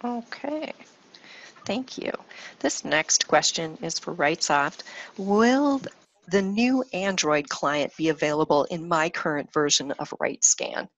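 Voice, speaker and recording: A woman moderating a webinar, reading out audience questions briskly. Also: low voice, lively intonation, lo-fi sound.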